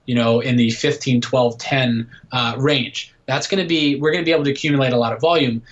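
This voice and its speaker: A man's voice: medium pitch, steady tone, brisk. Muffled-sounding man in his thirties, explaining. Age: 30s. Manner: explanatory, lots of "uh" and "um". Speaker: guest strength coach. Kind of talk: casual podcast interview.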